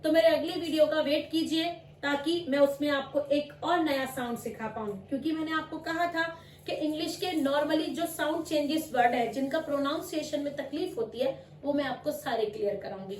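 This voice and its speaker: A woman with a high voice teaches pronunciation, going over each example word slowly and patiently. She sounds a little far from the mic, in an echoey room. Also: darkish tone, a little hiss or hum. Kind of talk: spoken lesson.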